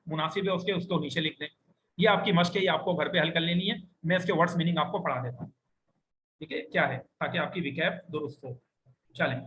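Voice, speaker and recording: A man with a Pakistani Urdu accent teaches a language class in a fairly high voice. He stretches out example words slowly and clearly so his students can echo them, over a faint background hiss. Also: a bit bright. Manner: slow, drawn-out modeling of words for students to repeat. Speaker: Arabic teacher.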